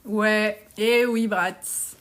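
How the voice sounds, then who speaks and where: A woman's voice: mid-range voice, steady tone, extremely slow. A woman, coaching on personal finance as she answers viewer comments on a live stream in a blunt, outspoken, casual way. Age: 40s.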